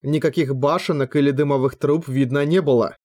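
A man narrating a fantasy novel as an audiobook in a measured storytelling manner, lightly voicing the dialogue. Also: a little high, steady tone, a little mellow.

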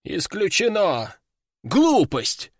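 A man's voice: high voice, sing-song, unhurried, gravelly, fairly bright tone, dry recording, studio quality, pitched above the performer's own voice, full character voice. A man voicing a pompous, bossy elderly male master sorcerer who barks out orders. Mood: commanding. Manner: commanding, barking orders.

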